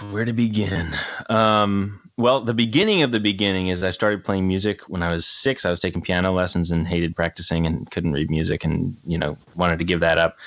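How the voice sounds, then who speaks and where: Deep-voiced young man, rambling guest. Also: a bit bright, no room sound. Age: 20s. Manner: rambling, lots of fillers and restarts. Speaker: guest, actor and musician. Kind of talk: casual interview chat. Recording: slightly dull, dry sound.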